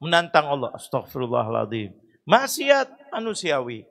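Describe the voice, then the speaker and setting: A man preaching a sermon in a mosque. He asks his own rhetorical questions, chants Arabic verses and prayers, and rises to loud emphatic cries. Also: mid-range voice, wildly swooping pitch, normal speed, vocal fry. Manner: rhetorical questions answered himself.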